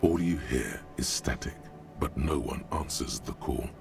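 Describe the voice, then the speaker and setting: An actor playing the ominous, wry inner narrator of a detective video game, speaking in a deliberate, dramatic, dry way. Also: male voice, extremely low pitch, vocal fry, full character voice. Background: music.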